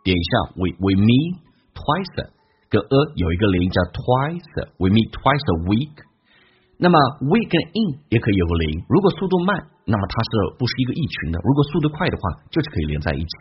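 Male English teacher, brisk explainer, fairly deep voice with an animated pitch, slightly muffled recording. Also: slight background noise. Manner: brisk, explanatory, demonstrates phrases slowly. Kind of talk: listening and pronunciation lesson.

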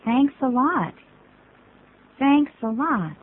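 A woman co-hosting a radio English lesson, reading model phrases slowly and clearly. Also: high-pitched, animated. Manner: slow, careful English demonstrations. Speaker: co-host reading English dialogue. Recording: tinny phone-like radio audio with faint hiss.

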